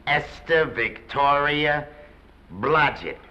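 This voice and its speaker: A man's voice: on the high side, huge pitch swings, measured pace, bright, forceful tone, full character voice. An actor playing a brash, sarcastic male studio press agent who spins theatrical stories, in a 1930s film. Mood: sardonic. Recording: dull 1930s film soundtrack.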